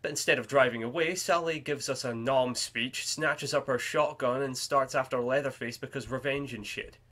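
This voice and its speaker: A man's voice: medium pitch, fairly even intonation, moderate pace, bright, forceful tone. A man reading a scripted film review in a sardonic, wry manner.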